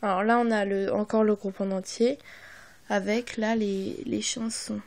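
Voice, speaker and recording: A woman's voice: medium pitch, little pitch movement, unhurried, creaky, a little mellow. A young woman narrating a casual unboxing, hesitant and apologetic, with many fillers, often dropping to a half-whisper, recorded on her phone. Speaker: vlogger.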